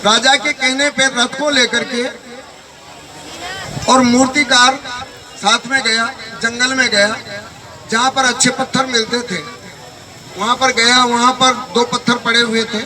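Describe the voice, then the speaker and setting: A man's voice: very high voice, flat delivery, unhurried, long pauses. A man giving a stern motivational speech to students on a microphone in a hall, recorded from a distance. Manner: stern, admonishing. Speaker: motivational speaker and teacher. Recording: distant mic, loud crowd.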